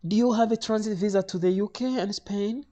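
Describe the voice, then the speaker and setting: A man's voice: high voice, steady tone, fairly quick, dark tone, pitched above the performer's own voice, lightly acted. A man voicing a polite, doubtful female check-in clerk at an airport. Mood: puzzled.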